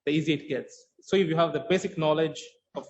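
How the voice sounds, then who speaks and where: Speaking fast in a fairly high voice, a man explains his Swahili teaching methods during a podcast interview. As the creator and instructor of a Swahili course, he comes across as earnest, often starting sentences over while he looks for words. The audio is lo-fi and dull, with faint noise.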